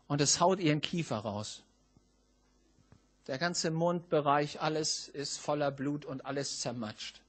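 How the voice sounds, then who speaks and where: A middle-aged man from northern Germany preaching a sermon, telling a personal story emphatically, dropping low and then rising to shouts. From Schleswig-Holstein, northern Germany. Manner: emphatic, swings from hushed to shouting.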